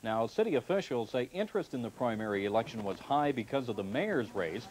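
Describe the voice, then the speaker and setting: A man's voice: mid-range voice, animated, fairly quick, darkish tone, slightly rough, rough recording. A man delivering a live news report from a regional newsroom in a formal tone. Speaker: field reporter.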